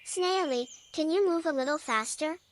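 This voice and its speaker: In a bedtime story about gentle young forest animal friends, a slow snail and its companion, a performer gives one of them a childlike, naturally high voice. The phrasing is simple and deliberate, the mood gentle and curious. Birdsong and forest ambience fill the background, along with a little hiss or hum.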